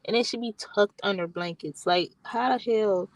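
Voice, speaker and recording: A tired woman with a soft, slightly stuffy voice rambles casually in a late-night chat, soft-spoken and restarting her sentences. Her pitch is medium, the pace moderate, and the audio quality poor.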